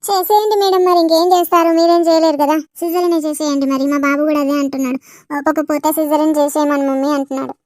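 Cartoon mother-in-law voiced by a woman: insistent, talkative, high-pitched. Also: fairly even intonation, darkish tone, no room sound, studio quality, lightly acted. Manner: brisk, insistent.

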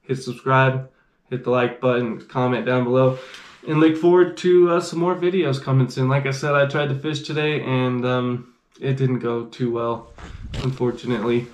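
A man's voice: mid-range voice, steady tone, moderate pace, reverberant. A man in his thirties hosting a casual fishing unboxing vlog, talking in a laid-back, rambling way. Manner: laid-back, rambling, says "freaking" a lot. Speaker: fishing channel host. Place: small indoor gear room.

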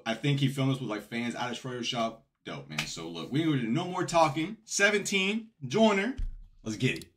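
A man hosting a music reaction video, talking in a hyped, slangy, casual way. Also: medium pitch.

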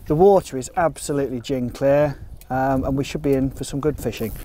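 Out on a lake in an open boat, a middle-aged man who fishes competitively narrates a fishing film with relaxed, no-nonsense tips. He speaks briskly in a medium-pitched, dark-toned voice, and the recording picks up water and boat sounds.

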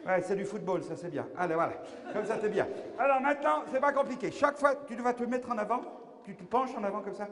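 A man's voice: high-pitched, expressive, fast, a bit bright. An older man performing a children's clown show, silly, exclamatory and playfully muddled, addressing his young audience. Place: large school hall, on stage. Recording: echoey hall, children's crowd noise.

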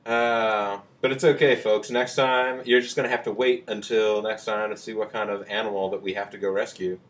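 A man's voice: fairly low pitch, flat delivery, moderate pace, fairly bright tone. A young man co-hosting a let's play, making teasing jokes and goofy asides in casual chat.

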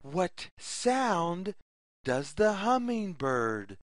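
This storyteller delivers a simple picture book for young children with extreme slowness, deliberately separating every phrase and word. The voice rises and falls widely in a sing-song pattern that lilts through questions, with close, dry audio and no echo.

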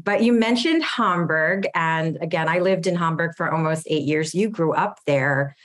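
A woman hosting an interview show, speaking in a friendly, measured way. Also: sits low, a bit bright. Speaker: podcast host. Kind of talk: interview and scripted intro.

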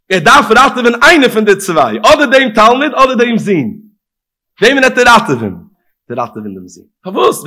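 A male rabbi giving a Torah lecture, chanting scripture verses in a rising sing-song and swinging from hushed murmurs to emphatic outbursts. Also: high-pitched.

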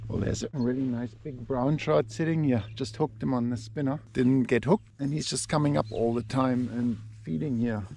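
Gravelly man vlogging by a lake. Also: medium pitch, a little hiss or hum. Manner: relaxed, chatty, unsure asides. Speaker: fishing vlogger. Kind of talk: casual vlog narration. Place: outdoors by a lake and in a camper van.

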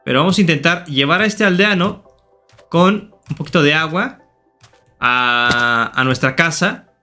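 A man gives playful gameplay commentary in a high, bright voice with a sharp edge. He jokes and teases the characters on screen as he plays. Faint music runs underneath. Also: measured pace. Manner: jokey, teasing, talks to the game characters. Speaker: gaming YouTuber.

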